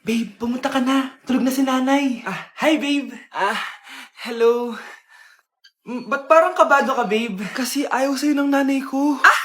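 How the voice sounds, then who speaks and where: A woman acting out all the parts in comedic skits, switching between characters and often scolding or shouting. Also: high-pitched, unhurried, long pauses. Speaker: skit creator playing all parts.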